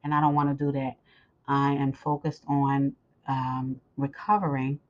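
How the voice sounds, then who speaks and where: A woman with a low voice, scratchy as if her tonsils are swollen, talks to her listeners in an informal host's update. She pushes through haltingly, and the recording is dull and muffled. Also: fairly even intonation, a little mellow. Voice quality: scratchy, sore swollen-throat voice. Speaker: host of Bible lessons.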